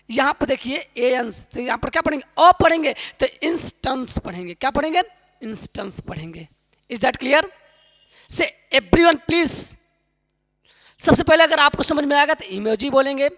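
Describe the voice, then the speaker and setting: A woman's voice: high voice, animated, moderate pace, a bit bright. A woman teaching a spoken English class, explaining pronunciation rules and quizzing her listeners again and again with friendly encouragement. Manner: keeps quizzing listeners with repeated questions; affectionate, encouraging teacher talk. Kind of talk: online class lecture. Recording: long hall reverb.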